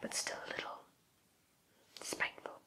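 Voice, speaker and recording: A woman playing a sly, genteel wicked witch in an ASMR roleplay, speaking in a breathy whisper with polite, coaxing hesitations. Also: lightly acted. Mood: musing, coaxing. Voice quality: breathy whisper, mostly unvoiced. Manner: slow, polite, hesitant, coaxing tag questions.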